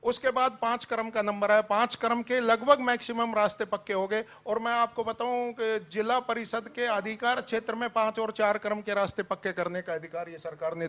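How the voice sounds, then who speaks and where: A man's voice: high-pitched, a bit bright. A man with a Haryanvi accent on a debate panel, steadily explaining government work.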